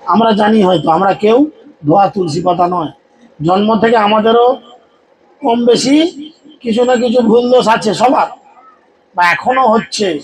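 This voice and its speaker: A man preaching a devotional sermon to a gathering, exhorting and joking with his listeners and leading them in loud chants. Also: high-pitched, unhurried, pauses often, a little hiss or hum, poor audio. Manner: exhorting, humorous, leads crowd in loud chants.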